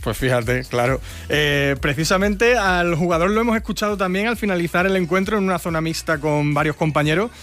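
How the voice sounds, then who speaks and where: A man's voice: on the high side, brisk, a bit bright, faint music behind. A man reporting for a radio sports show in a conversational tone, with filler words.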